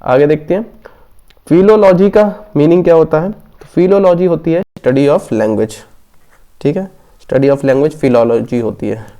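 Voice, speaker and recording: A man's voice: fairly high pitch, mellow. A man going through exam questions in a Hindi-lesson, explaining each answer and checking in often. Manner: explanatory, frequent "theek hai" check-ins, reads questions slowly. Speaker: exam prep teacher.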